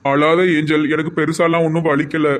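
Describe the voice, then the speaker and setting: A woman putting on a hurt young man, gentle and brave. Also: sits low, level tone, a little fast, lightly acted. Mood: tearful. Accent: Tirunelveli Tamil.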